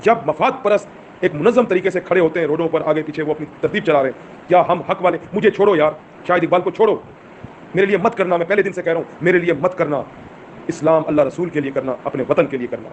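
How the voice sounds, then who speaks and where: With a fairly high voice, a movement leader gives an impassioned, exhorting speech, firing rhetorical questions at his followers. The recording cuts off the highs and has a little hiss or hum.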